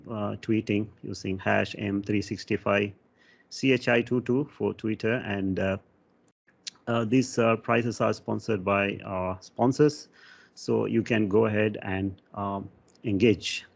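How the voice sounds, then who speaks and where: A man from Sri Lanka giving a technical conference talk, pausing often with fillers. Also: on the low side, fairly even intonation, creaky. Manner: hesitant, many fillers. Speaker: conference speaker. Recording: dull lo-fi sound.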